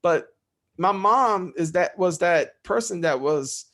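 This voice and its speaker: A man's voice: sits high, expressive, slow pace, pushed and bright. A middle-aged man speaking as a podcast guest in candid interview talk, heartfelt and freely swearing.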